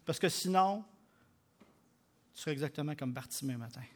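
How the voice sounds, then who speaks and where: Male pastor, Québécois accent, high voice, emphatic sermon, loud then hushed. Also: normal speed. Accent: Québécois French. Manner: emphatic, swings between loud bursts and quiet drops.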